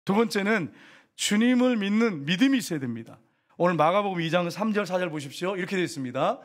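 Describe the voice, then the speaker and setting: Male pastor, middle-aged, high voice, sermon, animated, rhetorical questions. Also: fast.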